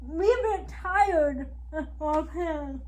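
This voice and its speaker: High-voiced woman speaking slowly. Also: rough recording. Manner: frequent short agreements, slow and halting. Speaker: host. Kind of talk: casual interview chat.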